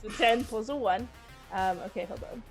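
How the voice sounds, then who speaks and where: A woman's voice: a little high, normal speed, faint music behind. A woman playing in a tabletop game, chatty and giggly, working out her dice rolls aloud. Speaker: player. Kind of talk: casual chat.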